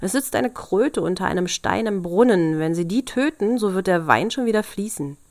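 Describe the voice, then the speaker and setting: A woman reading a fairy tale aloud, voicing the Devil as a gruff, irritable old male demon. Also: medium pitch, lively intonation, moderate pace, a little mellow, no echo, studio quality, close to an everyday voice. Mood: grumbling.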